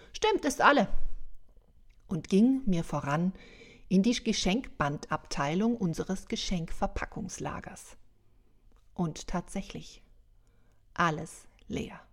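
A woman tells a first-person story in a wry, unhurried way. She speaks very slowly, and her voice sits a little low. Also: animated.

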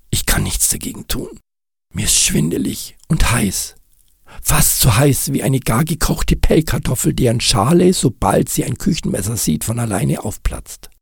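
A man's voice: medium pitch, vocal fry, breathy edge, no echo, studio quality, pitched above the performer's own voice, exaggerated voice. A man voicing an anxious, sickly little snowman boy who stutters and whines as he reads a storybook aloud. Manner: trembling, stuttering and whiny. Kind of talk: storybook reading.

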